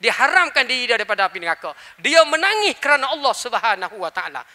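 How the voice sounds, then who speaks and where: A man's voice: very high voice, fast talker. A man with a Malaysian Malay accent preaching in a mosque prayer hall, telling a funny story and acting out its dialogue. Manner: animated storyteller, acts out dialogue. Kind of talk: sermon talk with humorous story.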